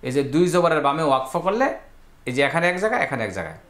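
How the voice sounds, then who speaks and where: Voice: medium pitch, big pitch swings, rapid-fire. A Quran reading teacher who patiently spells out letters one by one and chants the verses melodically. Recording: echoey room.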